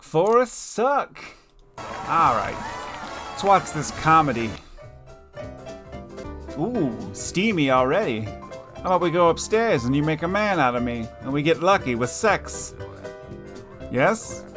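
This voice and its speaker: Slow-talking joking male game commentator. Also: fairly high pitch. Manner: joking, mock-outraged, slow deliberate punchlines. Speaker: gaming video host. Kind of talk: casual let's-play commentary.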